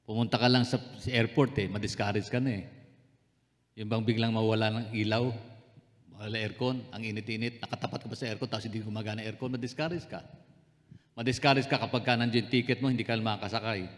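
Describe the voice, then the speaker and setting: Filipino pastor preaching in a reverberant hall. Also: male voice, on the low side, steady tone, quick pace. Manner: conversational, joking with the congregation, calling out to them. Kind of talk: sermon. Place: church hall. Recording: long reverb in a church hall.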